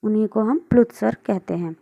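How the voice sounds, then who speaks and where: Patient woman teaching grammar, gravelly voice. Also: medium pitch, fairly quick, dark tone, dull audio. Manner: patient, asks and answers own questions. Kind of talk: online lesson explaining on screen.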